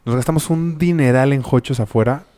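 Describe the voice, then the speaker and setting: A man's voice: mid-range voice, a little fast, dark tone, smooth. Mexican man joking with friends. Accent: Mexican Spanish. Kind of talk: casual chat among friends.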